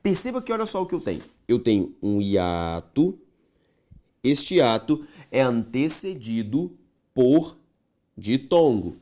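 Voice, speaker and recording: A man's voice: mid-range voice, sing-song, slow, warm tone. A man teaching a grammar lesson, stretching key words and checking in with the viewer.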